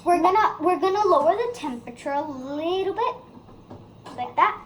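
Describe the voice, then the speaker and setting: High-pitched child in a roomy kitchen. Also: lively intonation, moderate pace, fairly bright tone. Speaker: cooking video host. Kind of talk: casual cooking demonstration. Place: indoor home kitchen. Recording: roomy kitchen echo, background noise.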